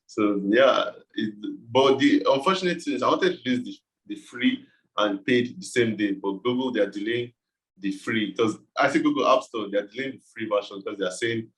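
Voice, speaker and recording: A man's voice: lowish voice, moderate pace, a bit bright, poor audio. A man with a West African accent talking casually as an interview guest, explaining things in a loose, informal way. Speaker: game developer being interviewed.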